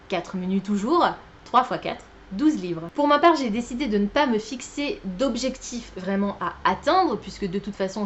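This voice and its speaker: Woman book vlogger, tired and chatty, pitched a bit high, slightly dull recording. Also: a little hiss or hum. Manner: chatty, many fillers and self-corrections. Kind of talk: casual chat.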